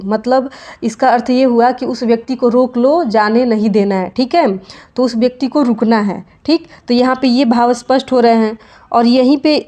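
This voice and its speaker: Woman teacher with a higher voice. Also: dark tone. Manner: explains step by step, often checks with "thik hai". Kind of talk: Hindi grammar lesson.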